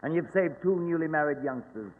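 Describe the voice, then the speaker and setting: An actor with a British accent playing a blustering police inspector in a 1940s radio drama, formal and wordy. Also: male voice, a little high, lively intonation, a little fast. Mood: formal, conceding. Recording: narrow, reverberant old radio recording.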